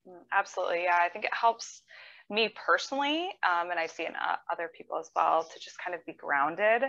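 Measured counselor woman, bright and lo-fi. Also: fairly low pitch. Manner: measured, thoughtful explanations. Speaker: mental health counselor. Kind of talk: interview guest.

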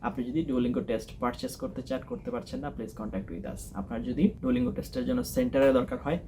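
A man hosts a test-prep lesson with a mellow, warm voice, slipping English phrases into his explanations and repeating key points. Faint noise hums under the recording. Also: medium pitch, lively intonation, fast. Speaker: test-prep channel host. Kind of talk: instructional talk.

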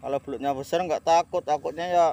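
A man's voice: a little high, steady tone, fast talker, dark tone, slight background noise. A man, chatting and exclaiming as a companion on an outdoor eel-fishing trip. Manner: talkative, reacting with exclamations. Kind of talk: casual outdoor chat. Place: outdoors by a rural stream.

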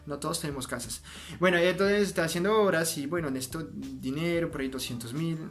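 Chatty French man, slightly high voice. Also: quick pace. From France. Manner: animated, chatty, self-mocking. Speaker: vlogger. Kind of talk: casual storytelling to camera.

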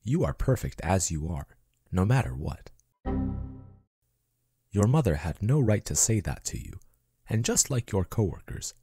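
In an ASMR roleplay, a man plays a devoted male chatbot robot companion who is tender, possessive and falling in love. His very low voice is mellow and husky with lively intonation, heavily acted, as he offers soothing, earnest, affectionate reassurance in a mood both comforting and indignant. There is no room sound.

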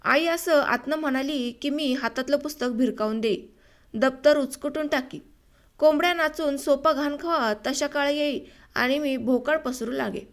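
A woman narrates a short story for an audiobook. Her voice sits high, and she reads in a measured, unhurried way.

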